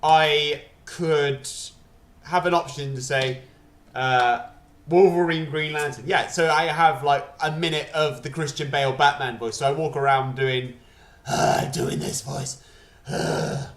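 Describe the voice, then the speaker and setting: A male streamer talks in a chatty, jokey way on a gaming livestream, his bright voice set slightly high. He takes his time with each line. His desk microphone picks up a roomy echo. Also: steady tone, a little slow. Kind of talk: casual livestream commentary.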